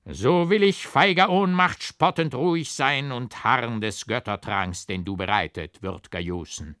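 A man's voice: low-pitched, measured pace, a bit bright, no echo, clean studio sound. A man voicing a robust middle-aged English doctor who declaims in pompous verse. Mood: mocking.

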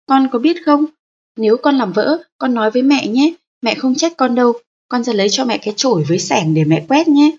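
A woman doing a gentle, soothing mother. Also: on the high side, lively intonation, fairly quick, breathy edge, dull audio. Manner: soft, gentle, reassuring. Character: gentle, calm mother reassuring her child.

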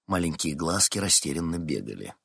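A man's voice: rumbling low, sing-song, a little fast, creaky, a bit bright, slightly rough, no room sound, studio quality. A man reading a novel aloud as scripted narration, giving each character a voice. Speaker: audiobook narrator.

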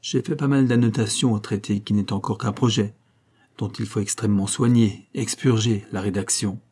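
A man voicing an excitable male government minister in an audiobook, with an emphatic, agitated delivery. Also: lowish voice, moderate pace, breathy edge. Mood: formal. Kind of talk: audiobook character reading.

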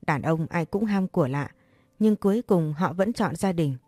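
Storybook role: a loud, sneering, vindictive mother, voiced by a woman narrator, low warm tone. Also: expressive, moderate pace, no echo, studio quality. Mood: indignant. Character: scornful vindictive middle-aged mother.

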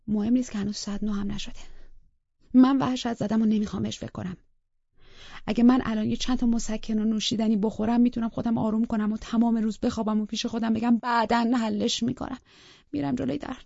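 A woman's voice: on the high side, vocal fry, warm tone, husky, dry recording, muffled recording. A woman reading a psychological thriller aloud as a first-person audiobook narrator, in a tense, intimate way that sometimes drops to a whisper.

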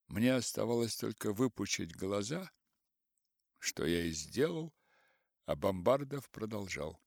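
A man reading a literary audiobook in a measured, expressive way. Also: fairly low pitch, gravelly, no room sound, studio quality. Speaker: audiobook narrator.

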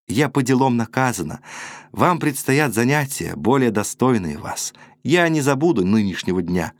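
A man's voice: medium pitch, no echo, studio quality, lightly acted. A man voicing a passionate, proud eighteen-year-old woman who speaks with emotional reproach.

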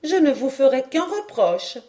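Woman reading as a playful young lady, teasing, a bit higher and brighter than her narration. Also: sing-song, unhurried. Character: young woman, lively, teasing, warm-hearted. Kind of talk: audiobook character reading.

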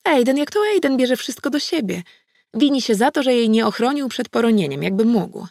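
A woman voicing a cheerful, slightly tipsy female friend in an audiobook, with a lively, bubbly manner. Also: fairly high pitch, a little fast, vocal fry, dry recording, studio quality, pitched above the performer's own voice. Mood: serious. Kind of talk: audiobook character voice.

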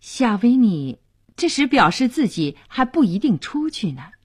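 A woman narrating a story for radio in a measured, expressive way. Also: a little high, slightly rough.

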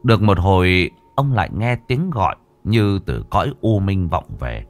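A man's voice: sits low, animated, moderate pace, soft background music. A man narrating a horror story dramatically, lingering on grim details.

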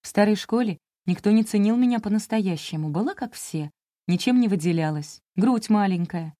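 A woman's voice: medium pitch, lively intonation, normal speed, dark tone, dry recording, clean studio sound. A woman narrating a first-person audiobook in a confessional, intimate storytelling manner.

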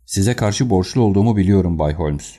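A man reading the lines of an anxious, quick-tempered colonel in an audiobook, in an agitated and excitable manner. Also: low-pitched.

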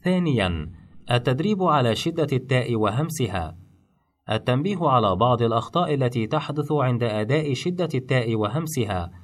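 A man narrating a scripted pronunciation lesson in a measured, explanatory way, demonstrating sounds. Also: mid-range voice, expressive. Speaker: phonetics teacher.

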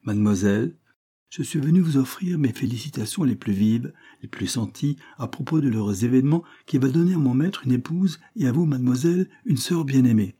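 A man's voice: medium pitch, animated, fairly quick, dark tone, husky, voice pushed up. A man reading an audiobook, voicing a timid, deferential old law clerk in his sixties.

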